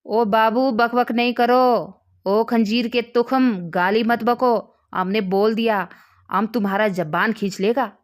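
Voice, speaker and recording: A woman reading a story aloud and voicing a gruff Pathan man who mocks and threatens in slow, broken speech. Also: fairly high pitch, steady tone. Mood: mocking threats.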